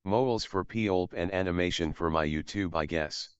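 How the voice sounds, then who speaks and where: Robotic male text-to-speech voice, deep. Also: normal speed, clean tone, dry recording, lo-fi sound. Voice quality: flat synthetic delivery.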